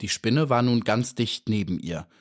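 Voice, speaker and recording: A man narrating an audiobook of a children's story in a calm, measured storytelling manner. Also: fairly low pitch.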